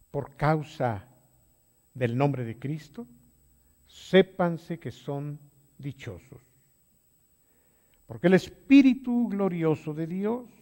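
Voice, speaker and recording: A man preaches through a Bible study in a fairly high, very lively voice. He drops to quiet low phrases, then rises to loud, urgent exhortations. A long hall reverb trails his words. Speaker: pastor leading a Bible study. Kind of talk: sermon-style Bible study.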